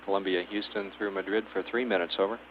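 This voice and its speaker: A man speaks over dull radio with a faint hiss. His voice is fairly low and very even, delivering clipped procedural calls as a mission control communicator. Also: fast. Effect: radio transmission.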